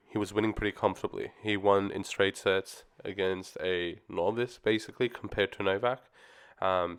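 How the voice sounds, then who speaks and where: A tennis commentary vlogger talks casually on his own channel, sharing opinions solo in a fairly low, clear, resonant voice. He's easygoing and rambling with plenty of ums, and his voice sounds slightly off as he recovers from the flu.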